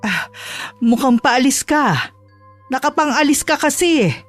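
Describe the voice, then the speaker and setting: A woman's voice: high-pitched, lively intonation, unhurried, faint music behind. A woman playing a selfish, haughty mother who became rich and returns to claim what she sees as hers, speaking coldly and condescendingly. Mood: scornful. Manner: condescending, cold, defiant. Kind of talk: Tagalog audio drama acting.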